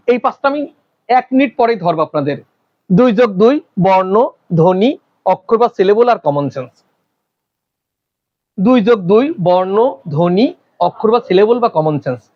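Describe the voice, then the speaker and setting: Man, high voice, teacher lecturing a class, keeps firing questions, dull lo-fi sound. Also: animated. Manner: quizzing the class with rapid questions.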